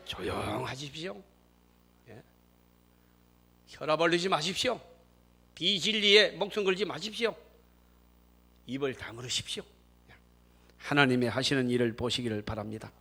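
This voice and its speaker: A man preaching a sermon as pastor, moving between quiet asides and loud, shouted exhortations. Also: on the high side, normal speed, pauses often, slightly rough. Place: church sanctuary.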